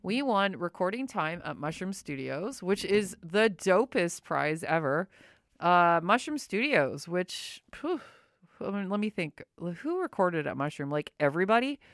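A middle-aged woman hosts a radio show in a casual, unscripted way, her words wandering informally. Her voice sits a little low and is smooth, though slightly muffled by the face mask she talks through. The studio sound is dry and close. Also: big pitch swings, measured pace, no room sound. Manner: rambling, informal.

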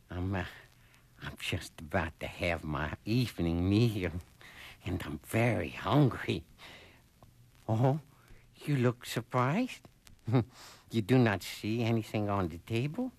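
A man's voice: fairly low pitch, dry recording. An actor playing a creepy, over-polite, reclusive man who halts and whispers, in a 1960s radio drama. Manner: halting, whispery and sinister.

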